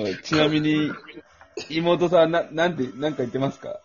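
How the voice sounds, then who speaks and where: A man with a somewhat high voice chats casually as a co-host, reacting to the others. The audio is muffled with faint background noise. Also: steady tone, normal speed.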